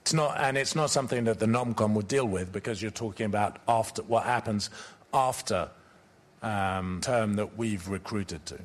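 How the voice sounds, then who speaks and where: A man on a conference panel answering a question in a measured way, repeating his phrases. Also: on the low side.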